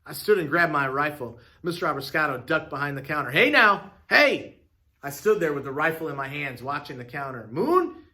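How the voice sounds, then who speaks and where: A man reading an audiobook, with steady, low-key storytelling. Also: quick pace, hardly any pauses. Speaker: audiobook narrator. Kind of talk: scripted audiobook narration.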